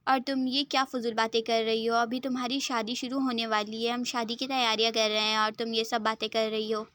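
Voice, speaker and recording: A woman's voice: a little high, little pitch movement, a little fast, fairly bright tone, no room sound, close to an everyday voice. A woman voicing a doting, forgiving middle-aged mother who speaks in a soothing, reassuring way, in a dry recording. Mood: soothing, teasing.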